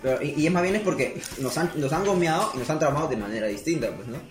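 A man's voice: on the high side, fast, echoey room, music in the background. A young man, chatting casually and telling stories with lots of laughter. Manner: laughing, storytelling, slangy. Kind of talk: casual chat.

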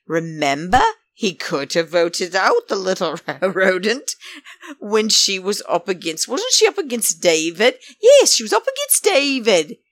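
A woman's voice: mid-range voice, very animated, a little slow, no room sound. A woman chatting casually about a show, rambling and calling her listeners darlings, acting out what others said. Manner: acts out quoted speech. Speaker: reality show commentator. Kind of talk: casual chat.

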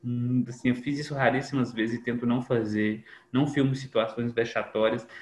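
A man's voice: mid-range voice, fairly even intonation, brisk, darkish tone. Man talking in an echoey room. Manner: reflective, acts out quoted dialogue. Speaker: podcast guest. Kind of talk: casual conversation. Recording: echoey room with faint noise.

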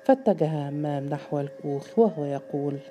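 A woman narrating a novel aloud in a measured, dramatic storytelling manner. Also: low voice, dark tone, faint music behind. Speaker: audiobook narrator.

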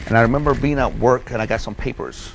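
Man, middle-aged, rough fry in his voice, rambling storyteller, repeats himself. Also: mid-range voice, steady tone, quick pace, a little hiss or hum. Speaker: interview guest. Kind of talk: emotional personal storytelling.

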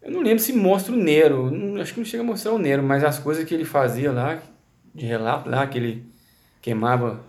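A man's voice: on the high side, fast talker, darkish tone. Laid-back man in an echoey room. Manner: laid-back, short replies, slangy. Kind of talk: casual chat.

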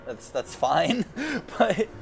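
A man's voice: high-pitched, big pitch swings, extremely slow, gravelly, music in the background. A man in a casual movie review chat, hesitant and filling his sentences with "uh" and "um". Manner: hesitant, many fillers.

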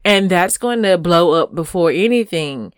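A woman's voice: on the low side, lively intonation, moderate pace, no echo. A woman in her thirties chatting casually as a podcast co-host, speaking frankly and with emphasis, often checking in with "right?". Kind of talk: casual chat.

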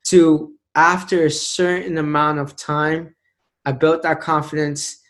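Speaking as an interview guest, a motivational speaker in his late twenties recounts his own story, earnest and emphatic, and slows to underline key phrases. An Indian language is his mother tongue. His voice is slightly high, a bit bright, and flat in delivery.

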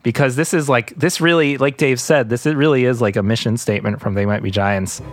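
A man's voice: mid-range voice, steady tone, brisk, no echo, clean studio sound. A man co-hosting a music podcast, chatting casually and laughing often. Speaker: podcast co-host.

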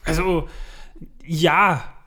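A man's voice: fairly high pitch, fairly even intonation, extremely slow, pushed and bright. A man with an Austrian accent, co-hosting a podcast in a joking, rambling way full of fillers. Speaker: podcast co-host. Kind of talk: casual chat.

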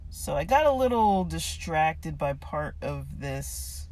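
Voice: medium pitch, big pitch swings, slow, a little mellow. Someone whose voice is giving out, talking casually and unscripted about a book, hesitant and thinking aloud. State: losing voice, voice giving out. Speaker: reader discussing a self-help book.

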